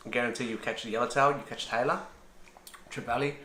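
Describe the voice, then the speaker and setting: A man hosting a casual cooking demonstration, chatty and relaxed with frequent ums. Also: medium pitch, fast talker, roomy sound. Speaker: cooking channel host.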